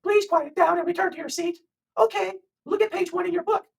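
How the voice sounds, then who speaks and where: A man's voice: extremely high pitch, steady tone, gravelly, far from the mic, pitched above the performer's own voice. A man putting on a strict woman teacher. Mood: crisp. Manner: slow, precise classroom commands. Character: his wife as a strict woman English instructor.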